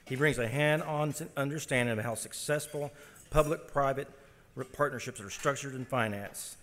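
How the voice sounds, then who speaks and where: A man's voice: medium pitch, moderate pace, a bit bright. A man acting as emcee, reading a speaker introduction and stumbling over some words. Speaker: event emcee. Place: large conference hall. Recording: long hall reverb.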